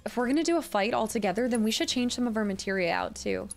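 A young adult woman streams a game from a room at home, giving casual, chatty let's-play commentary and thinking out loud. Her voice is a little high, animated and quick, with vocal fry. Soft music plays in the background.

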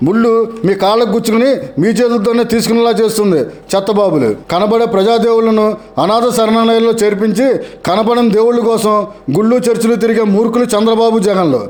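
A man's voice: high-pitched, fairly even intonation, quick pace, darkish tone. A man narrating scripted political commentary in a sarcastic, mocking tone, repeating taunts.

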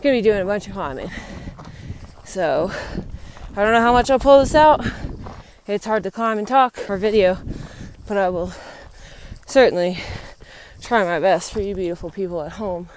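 A woman's voice: medium pitch, darkish tone, a little hiss or hum. A woman vlogging casually while hiking up a mountain trail, upbeat and chatty, out of breath from the climb. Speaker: thru-hiker vlogger.

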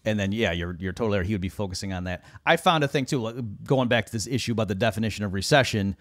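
Here a middle-aged economist, animated and rapid-fire, chats about economics into a boom-arm studio microphone over a video call from a small room. When quoting others he lifts his voice mockingly. No room sound is audible.

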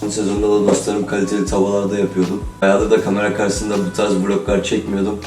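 A man's voice: fairly low pitch, monotone, quick pace, darkish tone. A man chatting casually to his viewers in a vlog, his voice sounding a little robotic from being under the weather. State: slightly robotic-sounding voice from a recent illness. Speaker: vlogger. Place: indoors in a holiday flat, at table and kitchen. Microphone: camera on a tripod, some distance away. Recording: roomy echo, distant mic, music underneath. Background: music.

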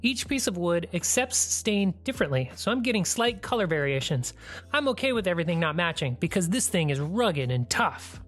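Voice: medium pitch, very animated, moderate pace, soft background music. A DIY channel host giving a plain, practical, step-by-step tutorial voice-over.

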